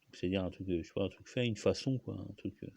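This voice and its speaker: A man with a fairly low voice talks alone about where words come from. He hesitates and restarts often and stops to cough. The sound is dry and close, with little room echo. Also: quick pace, gravelly, darkish tone. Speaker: host. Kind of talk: rambling solo talk on language.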